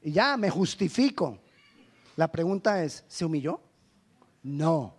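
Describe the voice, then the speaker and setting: A male pastor preaching a sermon, swinging between loud exhortation and low, quiet asides.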